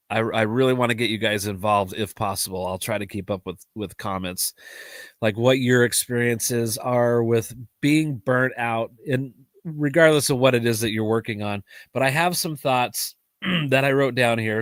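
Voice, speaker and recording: Congested from allergies, a podcast host talks casually on a solo livestream, rambling, starting sentences over and laughing a lot. His mid-range voice is fairly bright and nasal, captured in studio quality with no echo.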